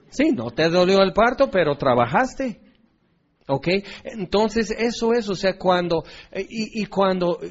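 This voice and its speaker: A man teaching a Bible study in a conversational way, often asking rhetorical questions and checking in with his listeners. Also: fairly high pitch. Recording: dull lo-fi recording.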